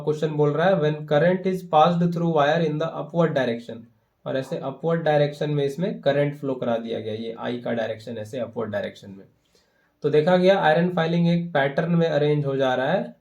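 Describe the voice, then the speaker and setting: A man teaching physics for board exams, explaining each step slowly and often checking "right?" with students, and reading the English question lines aloud slowly. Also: mid-range voice, dark tone. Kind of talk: exam-prep lesson explaining problems.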